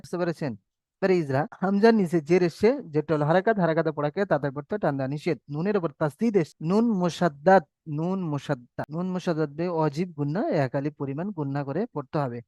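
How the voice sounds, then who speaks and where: A man's voice: fairly high pitch, darkish tone, no room sound, clean studio sound. Patient man teaching Quran reading. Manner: patient, repetitive drilling, slow drawn-out recitation of examples. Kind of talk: recorded online lesson.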